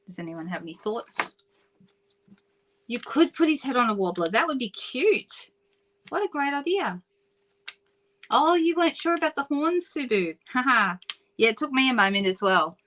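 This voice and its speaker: A woman's voice: a little high, big pitch swings, normal speed, pauses often, a bit bright, slight background noise, low-quality recording. A middle-aged Australian woman hosting a live papercraft stream, chatting casually and reading out viewer comments as she works. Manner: chatty, reads out viewer comments, self-correcting. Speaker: craft livestream host. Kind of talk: casual live craft demonstration.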